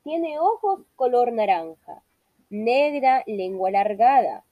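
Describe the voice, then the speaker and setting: Woman doing a sly, bragging little storybook mouse, slow and playful, a bit high. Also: sing-song, dry recording, highs cut off. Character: small clever boastful mouse.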